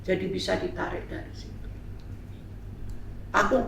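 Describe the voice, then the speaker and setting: An older woman in an interview telling a story in a lively way and acting out the voices of the people in it. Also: on the low side, moderate pace, gravelly, slight background noise. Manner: lively, acts out quoted voices. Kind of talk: animated storytelling. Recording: roomy, mic at a distance.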